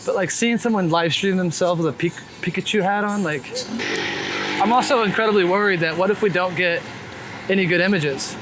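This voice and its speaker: Brisk and high-voiced, the man strolls a city street while chatting frankly in slang peppered with swearing. He's appearing as a guest and works as a street photographer, having once been a BMX vlogger. Traffic and general street noise are plainly audible throughout this noisy recording.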